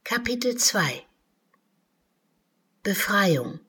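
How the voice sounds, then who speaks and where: Slow husky woman reading a storybook. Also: medium pitch, very animated, bright, forceful tone. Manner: slow, measured, dips to whispers. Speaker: narrator.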